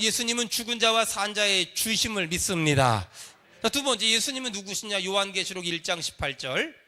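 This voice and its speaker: Male pastor, sermon voice, high and bright, leads call and response. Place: church sanctuary.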